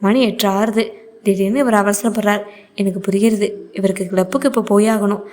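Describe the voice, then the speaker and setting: A woman reading a short story aloud as first-person narration in a calm, measured way. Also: medium pitch.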